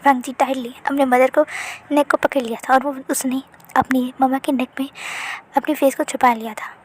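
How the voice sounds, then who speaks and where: A woman tells a fan story in a chatty, soft-spoken storytelling voice that sits fairly high. Faint noise hums behind her. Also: fairly even intonation, normal speed. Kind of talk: casual story narration.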